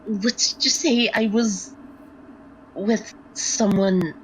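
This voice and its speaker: A woman voicing an embarrassed, evasive young woman character in a tabletop game, hesitant and slow. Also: medium pitch, steady tone, a little hiss or hum, pitched above the performer's own voice, low-quality recording.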